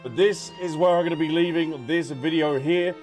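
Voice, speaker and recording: Over game music, this streamer offers chatty, casual livestream commentary aimed straight at his viewers. His voice is a little high and darkish in tone, with a moderate pace.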